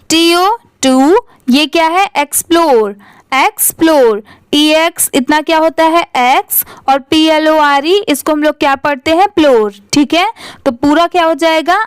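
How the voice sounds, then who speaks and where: Young female teacher with a Hindi accent, high voice, slow and patient, spells out each word, dry close sound. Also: no echo. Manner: spells words letter by letter, asks and answers her own questions. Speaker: English reading teacher. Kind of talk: slow spelled-out reading lesson.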